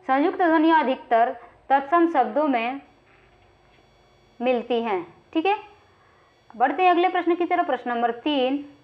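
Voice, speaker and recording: A woman with a high voice gives an exam-prep grammar lecture, working through quiz questions one by one. She explains patiently and often pauses to check that her students are following. The recording sounds a little dull and lo-fi. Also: expressive. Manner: explanatory, frequently checks in with "ठीक है" and draws vowels out when naming sounds. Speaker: Hindi grammar teacher.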